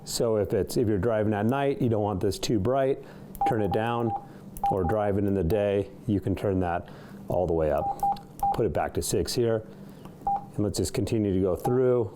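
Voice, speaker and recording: The recording is very noisy as a lowish-voiced man speaking at normal speed demonstrates a CB radio. He's a product reviewer in an indoor studio, casual and unscripted, hesitating slightly over the features.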